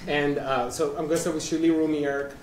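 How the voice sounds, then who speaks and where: At a museum event room, a man moderating a live panel discussion introduces the guests in a chatty, rambling style, restarting himself often. His voice is fairly high, flat and fairly quick, heard on a live stream with roomy, distant sound and faint noise.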